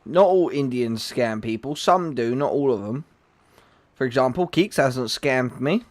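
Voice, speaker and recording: A man's voice: mid-range voice, animated, a little slow, darkish tone, no echo. A man hosting a gaming livestream, chatting casually and jokingly with his viewers. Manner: chatty, joking, talks to chat by name. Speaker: livestream host.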